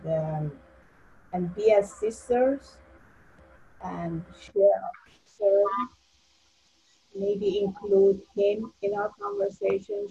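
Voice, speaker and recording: A soft-spoken woman in a mediation, talking earnestly and hesitantly, on a dull lo-fi recording. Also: medium pitch, creaky, slight background noise. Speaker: participant in mediation. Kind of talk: mediation dialogue.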